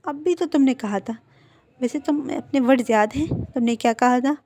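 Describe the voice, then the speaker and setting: A woman's voice: high-pitched, moderate pace, mellow, a little hiss or hum, lightly acted. A woman voicing a doting, teasing young man who coaxes his partner patiently. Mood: exasperated. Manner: coaxing, patient.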